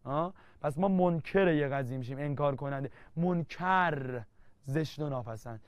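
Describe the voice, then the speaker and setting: A man's voice: on the high side, no room sound. A man teaching an exam-prep literature lesson, playful and teasing, repeating key terms again and again to drill them. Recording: dull lo-fi dry sound.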